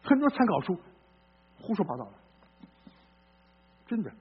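A male pastor preaching a sermon in a blunt, folksy way, swinging between loud outbursts and low murmurs and asking listeners questions. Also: very animated, moderate pace, slightly rough, narrow, tinny audio.

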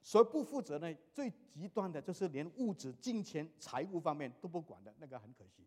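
A middle-aged male pastor preaching, telling animated stories from family life and mixing in English phrases. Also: fairly high pitch, brisk, slightly rough. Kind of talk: sermon. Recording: long hall reverb.

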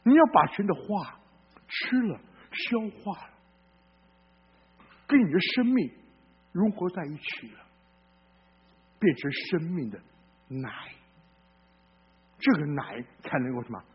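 A male pastor preaching a sermon in a blunt, folksy way, swinging between loud outbursts and low murmurs and asking listeners questions. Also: very animated, measured pace, pauses often, breathy edge, muffled recording.

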